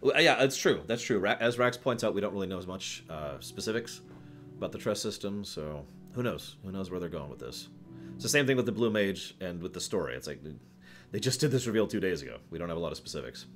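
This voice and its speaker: With faint music behind him, a low-pitched, fairly bright-toned man talks fast and animatedly as a livestream host. His casual game talk to the live chat is emphatic and rambling, full of digressions and repeated phrases for stress.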